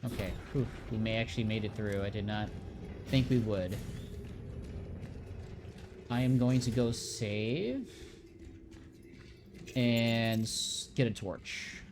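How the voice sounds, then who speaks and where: A man casually commenting on his own gameplay, talking to himself in a relaxed, offhand way as he plays a horror game. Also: lowish voice, slow pace, pauses often, noisy background. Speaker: let's play gamer.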